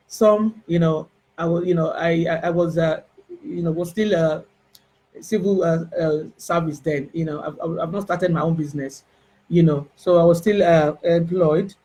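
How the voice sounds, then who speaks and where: A woman with a Nigerian Yoruba accent telling a personal spiritual testimony in an emotional, halting way, full of restarts and fillers. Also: on the low side, a little mellow, breathy edge. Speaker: spiritual herbalist.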